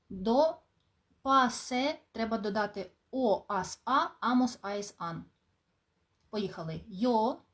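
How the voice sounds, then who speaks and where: A woman teaching a beginner lesson, calmly drilling words and endings with pauses for practice and occasional light asides. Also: medium pitch. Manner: clear, drawn-out drilling with pauses, warm asides and laughs. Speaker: language teacher. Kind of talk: slow, patient spoken lesson.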